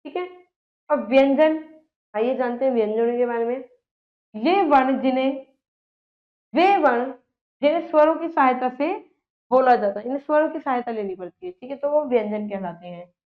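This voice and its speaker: A woman teacher giving a grammar lesson, asking her own questions and answering them, often checking in with "okay" and reciting letters slowly and with emphasis. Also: high voice. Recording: dull lo-fi recording.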